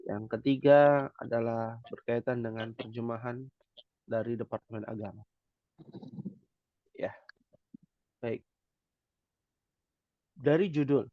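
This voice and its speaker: A man's voice: mid-range voice, fairly even intonation, slow, long pauses, no room sound, muffled recording. A man teaching an Arabic class online, patiently explaining and checking in with his students. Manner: patient, repeats "ya" often.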